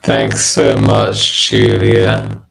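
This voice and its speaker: A man moderating a conference session over a video call, speaking haltingly. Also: lowish voice, completely flat delivery, gravelly, low-quality recording. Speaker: host. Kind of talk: casual moderating.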